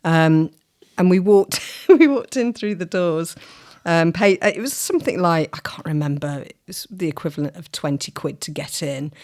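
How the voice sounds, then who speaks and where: A woman's voice: fairly low pitch, lively intonation, moderate pace, darkish tone. A woman co-hosting a podcast, chatting casually and telling anecdotes with laughs mid-sentence, recorded at a dining room table at home. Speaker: podcast co-host.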